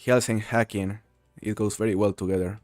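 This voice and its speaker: He's a man from Mexico running a casual game live stream, answering viewers and reading chat in a relaxed, chatty way as he plays. His lowish voice moves fairly quickly, with no room sound and soft music behind it.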